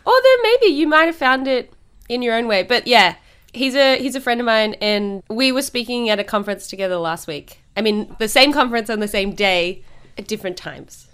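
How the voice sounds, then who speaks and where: A woman's voice: fairly high pitch, lively intonation, normal speed, fairly bright tone, clear, resonant tone. A woman chatting casually and playfully as a podcast host, often teasing. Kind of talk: casual chat.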